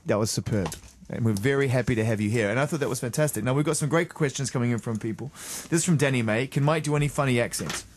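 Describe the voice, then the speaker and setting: A man's voice: mid-range voice, fast talker. A man hosting a radio interview, enthusiastic and chatty. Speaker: radio host.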